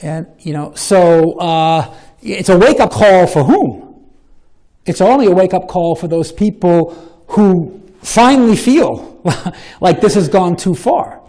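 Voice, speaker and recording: A man with a Boston accent giving a live public talk and answering audience questions, animated and long-winded, with a self-deprecating streak. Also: high-pitched, slow. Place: lecture hall with an audience.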